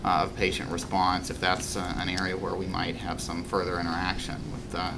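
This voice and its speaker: A man responding formally as a meeting official, in halting, tentative phrases. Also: monotone. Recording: meeting microphone, clear rumbling noise.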